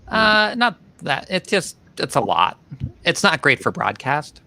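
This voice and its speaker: A man's voice: fairly high pitch, big pitch swings, unhurried, creaky, bright, forceful tone. A man co-hosting a casual soccer watch party, chatting and joking with friends. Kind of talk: casual chat.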